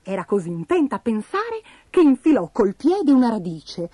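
A woman narrating a children's story in an expressive, animated way. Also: a little high, normal speed, slightly rough.

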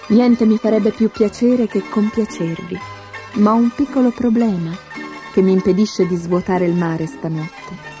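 A woman voicing a clever young peasant girl in a storybook, speaking gently and politely with a sly edge. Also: medium pitch, unhurried, soft background music, lightly acted. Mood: calm, sly.

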